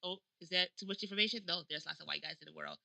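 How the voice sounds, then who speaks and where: A young woman co-hosting a podcast, telling stories in a giggly, animated way. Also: fairly low pitch, racing, creaky, no room sound, rough recording. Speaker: podcast co-host. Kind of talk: casual chat. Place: South Korea.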